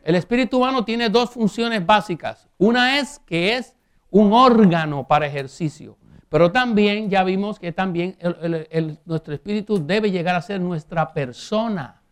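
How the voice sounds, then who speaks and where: A man preaching a sermon, reading scripture aloud and asking rhetorical questions, slowing down on key phrases. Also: high voice, smooth. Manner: reads scripture aloud and comments.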